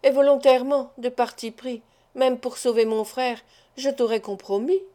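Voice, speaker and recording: A woman's voice: on the high side, steady tone, normal speed, dark tone, natural voice. A woman voicing a desperate young woman in love, pleading and imploring.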